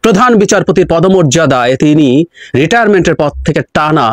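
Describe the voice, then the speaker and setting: A man's voice: a little high, lively intonation, fairly quick, dry recording, clean studio sound. A man giving political commentary straight to his viewers in an emphatic, accusatory way.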